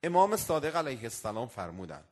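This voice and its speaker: A man's voice: mid-range voice, sing-song, darkish tone. A male cleric delivering a sermon, building into emphatic declamations and reciting Arabic quotations. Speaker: cleric preacher.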